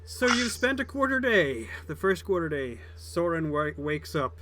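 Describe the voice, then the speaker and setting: A man's voice: on the high side, sing-song, normal speed, background noise. A man narrating a tabletop game as its game master, in a casual conversational way.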